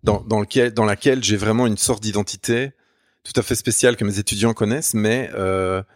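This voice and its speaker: A man's voice: on the low side, fairly even intonation, a little fast, no room sound, studio quality. A man with a Belgian accent from Namur, a university teacher chatting casually and mocking himself, with many restarts. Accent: Namur Belgian French. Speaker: university Spanish teacher, guest. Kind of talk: casual podcast chat.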